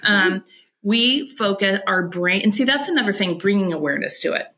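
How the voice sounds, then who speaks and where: A middle-aged woman, a podcast guest, chatting casually and telling animated stories, often restarting her sentences. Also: medium pitch, normal speed. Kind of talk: casual chat.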